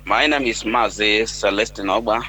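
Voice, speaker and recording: A man's voice: fairly low pitch, moderate pace, bright, forceful tone. A man from Nigeria calling in to a radio program, speaking politely and formally while his phone connection keeps breaking up. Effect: breaking-up phone line, voice coming and going. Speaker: caller. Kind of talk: radio call-in caller.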